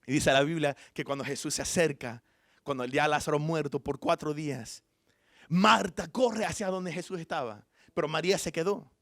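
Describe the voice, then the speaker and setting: A man preaching a sermon as pastor. He tells the story with animation, swings between hushed and loud passages, and adds informal asides and self-corrections. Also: on the high side, normal speed, no room sound, studio quality.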